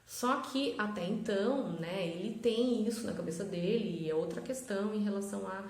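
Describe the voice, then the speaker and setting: A woman's voice: mid-range voice, moderate pace, darkish tone, roomy sound. A woman, a mother talking reflectively and conversationally about parenting in a casual stories monologue. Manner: reflective, conversational, frequent tag questions. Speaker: mother of triplets sharing parenting advice.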